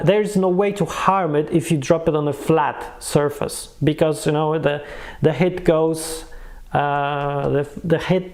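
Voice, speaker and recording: A non-native English-speaking man offers an unscripted, casual product review, pausing to find words and revising what he says. His slightly high voice is gravelly and a little mellow.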